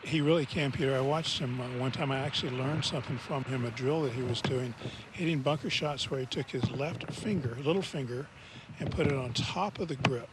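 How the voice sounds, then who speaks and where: A man's voice: medium pitch, background noise. A man giving live golf commentary in short, descriptive, conversational observations.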